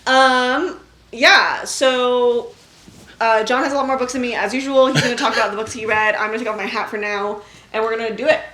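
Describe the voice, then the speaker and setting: A woman's voice: on the high side, fairly quick, bright, forceful tone. A woman chatting playfully and casually while co-hosting a book vlog. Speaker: book vlogger, co-host. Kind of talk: casual chat. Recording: echoey room.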